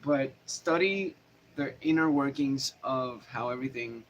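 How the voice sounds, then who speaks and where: A man's voice: mid-range voice, unhurried, muffled recording, slight background noise. A man giving a casual live-stream guitar lesson, rambling and correcting himself as he explains theory and answers viewer questions. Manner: rambling, self-correcting, chatty. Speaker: guitar teacher. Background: guitar playing.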